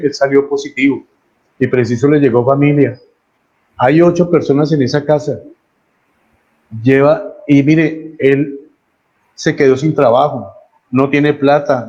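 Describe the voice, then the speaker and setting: A man's voice: medium pitch, a little mellow, lo-fi sound. A man with a Colombian accent, a pastor preaching a sermon earnestly and repeating key phrases for emphasis.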